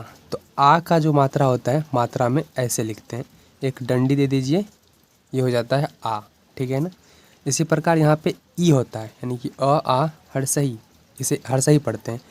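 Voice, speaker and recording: A man's voice: medium pitch, a little mellow. A man with a Bihari Hindi accent, in a mid-range voice, teaches a beginner's lesson. He explains step by step in a patient, repetitive way and keeps checking that the viewer is following along. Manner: patient, repeats "ठीक है ना" often.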